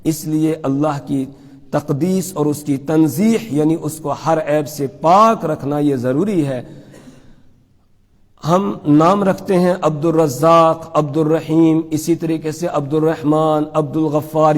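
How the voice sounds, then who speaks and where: A man giving a religious lecture that explains scripture verse by verse. He asks questions and answers them himself, and recites the verses slowly. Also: a little high, fairly even intonation, long reverb tail. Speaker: Quran teacher giving tafseer.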